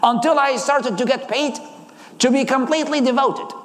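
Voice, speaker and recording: In a large hall with long, echoing reverb, an Iraqi man in his thirties delivers a live sermon and personal testimony in an Iraqi accent. His very high voice is steady and fairly bright, at a moderate pace.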